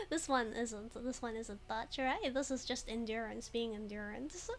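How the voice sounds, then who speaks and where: A game streamer gives casual let's-play commentary on a video game, giggling often and hesitating a lot. Her voice is a little high, and she speaks at a measured pace.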